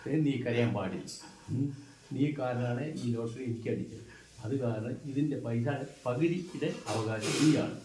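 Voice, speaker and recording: A man with a Malayali accent playing a rough adult villager who keeps soothing someone. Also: mid-range voice, measured pace, natural voice. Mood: consoling. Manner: soothing, repeating reassurances. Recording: echoey room, mic far off, clear background noise.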